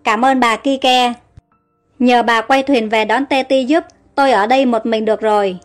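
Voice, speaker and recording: A woman's voice: fairly high pitch, steady tone, normal speed, natural voice. A woman voicing an earnest young heroine in an audio storybook. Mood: cheerful. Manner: earnest, pleading. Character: young woman, trusting then frightened. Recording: faint music underneath.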